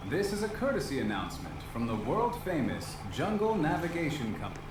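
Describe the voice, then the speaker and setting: A man making a theatrical courtesy announcement to visitors over a PA loudspeaker. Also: a little high, wildly swooping pitch, a little fast. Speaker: park announcer. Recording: echoey loudspeaker heard from far off over ride noise.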